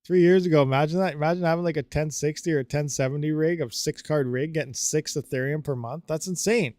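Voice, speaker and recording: Talking quickly in a slightly high, somewhat mellow voice, the man hosts a live stream, his throat a bit dry. He rambles casually through viewer comments, filling gaps with lots of fillers, on a dry, studio-quality recording.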